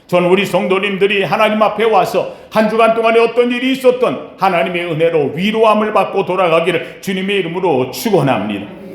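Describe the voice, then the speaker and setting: A male pastor delivering an emphatic sermon, with sharp rises and slow, low falls. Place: church sanctuary. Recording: echoey church sanctuary.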